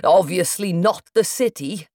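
A woman's voice: fairly low pitch, unhurried, darkish tone, dry recording, studio quality. A woman voicing a fresh-faced young male constable with a broad Welsh accent, easygoing and cheeky.

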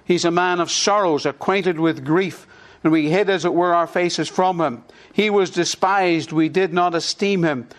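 A middle-aged Irish pastor gives a sermon, his voice sitting somewhat high for a man. He guides the congregation through call-and-response, repeating short, emphatic lines for them to echo.

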